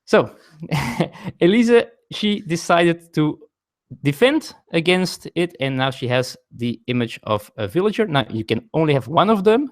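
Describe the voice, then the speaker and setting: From his table at home, a man with a non-native English accent plays a board game on a live stream, explaining every rule with lots of rising and falling pitch. He chats with his viewers between turns, often pausing to correct himself.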